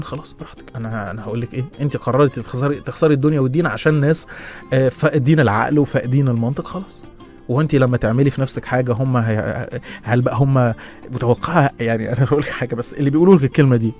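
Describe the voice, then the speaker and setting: A middle-aged man with an Egyptian accent, hosting a casual radio advice show and answering listeners, with quick restarts and lively asides. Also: medium pitch. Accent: Egyptian Arabic. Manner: fast, lively, stumbling restarts and laughs. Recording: radio studio with faint music behind.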